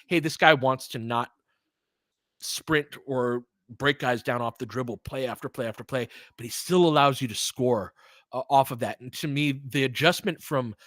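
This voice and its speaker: In a mid-pitched voice, a man gives conversational, streamer-style commentary on a basketball game, blending live play-by-play, analysis and chat as he thinks aloud. The sound is dry, with very little room and no echo.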